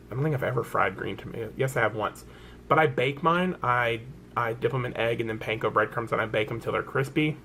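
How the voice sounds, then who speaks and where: A man's voice: medium pitch, fairly bright tone, slight background noise. A man with a Southern American accent chatting casually through a product haul, rambling and correcting himself as he goes. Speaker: vlogger.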